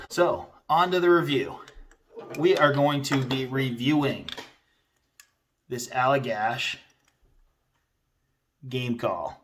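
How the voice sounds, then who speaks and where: A man's voice: medium pitch, pushed and bright, slight background noise. A man giving a casual product review in a rambling, conversational, informal way.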